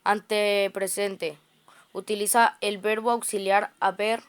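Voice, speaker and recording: A woman's voice: medium pitch, level tone, slow pace, clean tone. A woman reading grammar study notes aloud, often stumbling and restarting words. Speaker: student reciting study notes.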